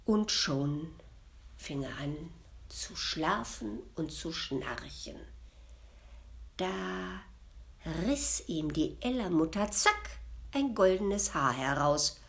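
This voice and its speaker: A woman storyteller reads a fairy tale aloud at an unhurried pace, her voice on the low side. She drops often into hushed, whispered passages for drama. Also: animated, gravelly.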